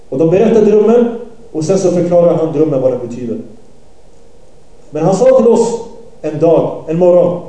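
A man's voice: sits high, dark tone, reverberant, low-quality recording. En man som återberättar en hadith i en predikan, översätter direkt och rättar sig själv medan han berättar. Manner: translating and retelling as he goes, self-correcting. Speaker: preacher. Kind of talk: sermon retelling a hadith.

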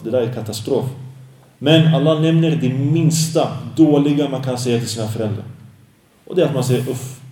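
A man's voice: medium pitch, dark tone, distant mic. Guy preaching a sermon, chants arabic verses in between, roomy echo, sounds a bit off mic. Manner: mixes Quranic Arabic recitation into his talk; earnest, emphatic teaching. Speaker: Islamic preacher.

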